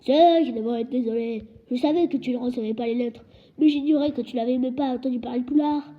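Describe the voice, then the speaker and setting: A huge, hot-tempered man with a booming, indignant voice, as a woman reader acts him out. The tone is husky and the recording dull and lo-fi. He roars out his lines in a storybook reading. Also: fast talker, lightly acted. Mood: gruff. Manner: loud, indignant, roaring.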